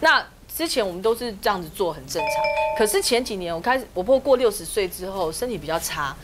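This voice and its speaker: Fast-talking woman guest. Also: mid-range voice, big pitch swings. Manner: rapid storytelling with many restarts. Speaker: talk show guest. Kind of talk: casual studio chat. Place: TV studio. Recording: TV studio with background music.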